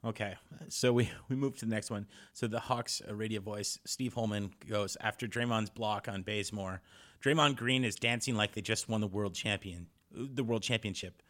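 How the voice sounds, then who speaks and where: Low-voiced man in loose sports chat. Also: moderate pace, fairly bright tone. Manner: loose, restarting, laughs often. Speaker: podcast co-host.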